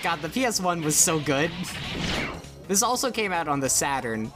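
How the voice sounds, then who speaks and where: A man's voice: fairly high pitch, sing-song, moderate pace. A man giving casual, informal game commentary among friends, explaining things as he goes. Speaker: let's play co-host guiding the game. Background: video game music.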